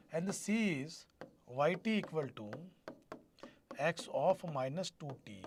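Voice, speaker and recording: A man's voice: high-pitched, a little hiss or hum. A man with a North Indian accent teaching a live online exam-prep class, repeating himself and prompting students with questions. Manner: repetitive, question-prompting, addresses students directly.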